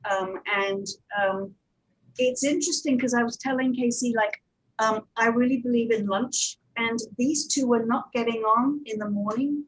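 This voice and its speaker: A husky, higher-pitched woman talks at normal speed in a rough recording. She is an audio producer presenting informally on a panel, chatting with anecdotes and tangents along the way.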